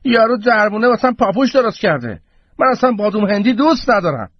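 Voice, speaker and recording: A man voicing a cheeky, indignant young man under arrest, in a husky voice, heard over a dull radio broadcast. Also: high voice, animated, no echo, voice pushed up. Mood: cocky, indignant.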